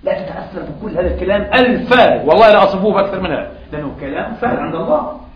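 Fast, high-voiced preacher man in an echoey mosque. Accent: Palestinian Arabic. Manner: animated, rhetorical questions to the congregation. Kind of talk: Friday sermon. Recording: echoey, dull lo-fi mosque recording.

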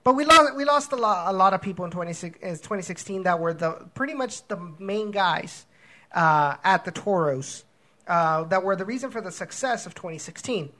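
A man's voice: high voice, lively intonation, a little fast, sharp tone. A man co-hosting a soccer podcast in casual chat, rambling with many restarts and fillers. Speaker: podcast co-host.

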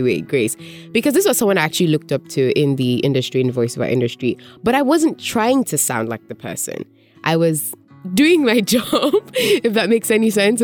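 A woman with a low voice speaks candidly as a radio presenter and voiceover artist. She tells personal stories and acts out the remarks people made to her. Soft guitar music plays faintly behind her. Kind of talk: reflective personal talk.

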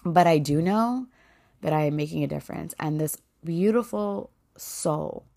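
A woman in her thirties hosts a personal faith podcast, speaking at a measured pace in a low, gravelly, mellow voice. Her heartfelt talk rambles, filled with "like" and "you know," and her voice cracks with emotion.

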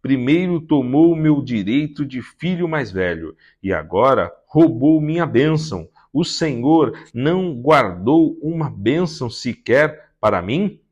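A wronged elder son pleads with raised, insistent lines, his pitch lifting and swinging widely, as a man reading scripture voices him. The pace stays slow and deliberate. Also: big pitch swings, a little mellow, husky, muffled recording. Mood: pleading.

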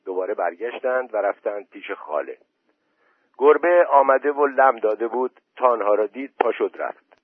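A man with a husky voice reading a story aloud in a plain, steady storytelling manner. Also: mid-range voice, no room sound. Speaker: narrator. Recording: dry tinny phone-like voice message.

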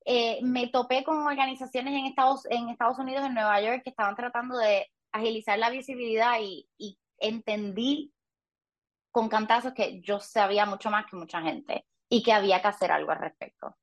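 A woman's voice: on the high side, fairly even intonation, brisk. Chatty Puerto Rican woman, thirties. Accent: Puerto Rican Spanish. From Puerto Rico. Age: 30s. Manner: candid, chatty, with light self-mocking humor. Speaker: guest, patient. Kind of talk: casual podcast interview.

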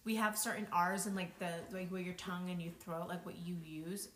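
A young woman co-hosting a casual podcast, animated and slipping into imitated voices as she tells stories. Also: on the low side, fairly quick. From Thailand-connected, grew up in US. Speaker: podcast co-host. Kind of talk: casual chat. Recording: echoey room.

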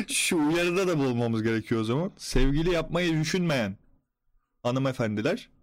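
A young man co-hosting a casual chat show, playfully teasing his friends and quick to laugh. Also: fairly high pitch, animated. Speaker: podcast co-host.

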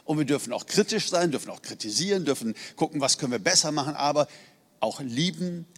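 A man's voice: on the high side, animated, quick pace. Earnest preacher man in a reverberant hall. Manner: earnest, conversational preaching with rhetorical questions. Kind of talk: sermon. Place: church hall.

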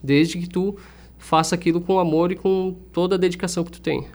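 A man's voice: sits high, little pitch movement, fairly quick, darkish tone. A young man, a music teacher and singer talking earnestly as an interview guest, often restarting his sentences. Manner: earnest, reflective, with frequent restarts.

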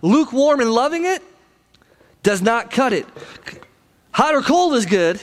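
A man preaching a sermon as pastor, animated and acting out mock voices of churchgoers, often repeating words as he starts a sentence. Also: very high voice, unhurried.

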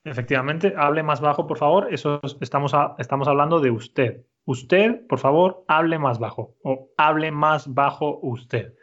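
A man teaching a Spanish lesson, speaking slowly and clearly and repeating his student's answers. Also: on the high side, a bit bright, muffled recording. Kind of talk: conversational language lesson.

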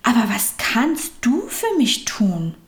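A woman voicing a small, eager, childlike soul in heaven, speaking with soft wonder and pleading. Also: on the high side, big pitch swings, takes it slowly. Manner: wondering, pleading, softly exclaiming.

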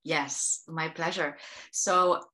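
A woman's voice: sits low, steady tone, extremely slow, pushed and bright. A woman from Romania, a podcast guest, telling stories about her life in an enthusiastic, chatty way with frequent restarts over a remote call. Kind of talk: conversational interview. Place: home in Amsterdam.

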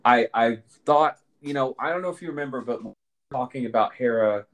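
A man's voice: mid-range voice, a little fast. A man co-hosting a podcast, chatting casually and rambling with restarts and laughs. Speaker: podcast co-host. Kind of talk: casual chat.

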